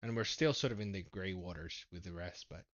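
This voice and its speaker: A man hosting a casual stock market livestream, animated and laughing, swinging from low mumbles to loud exclamations. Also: fairly quick, muffled recording.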